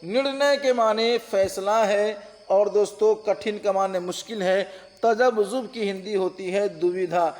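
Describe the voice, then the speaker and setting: A man's voice: high voice, steady tone, unhurried, darkish tone, in a large hall. A man teaching an online exam-prep lesson on translation, patient, repeating terms and checking that listeners follow. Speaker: Urdu-Hindi translation teacher.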